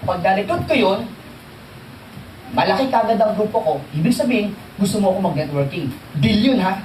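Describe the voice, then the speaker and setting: Animated man training a crowd. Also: high voice, a little fast, slight background noise. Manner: animated, jokey, quizzes the audience. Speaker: seminar trainer. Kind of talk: motivational training talk. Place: seminar hall with audience. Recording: echoey hall, distant mic, faint crowd.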